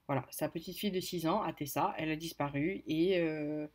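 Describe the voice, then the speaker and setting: Woman book vlogger, slightly low voice, chatty and halting, corrects herself often. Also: a little mellow. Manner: hesitant, many fillers and self-corrections; apologetic about pronunciation. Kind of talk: casual book haul chat.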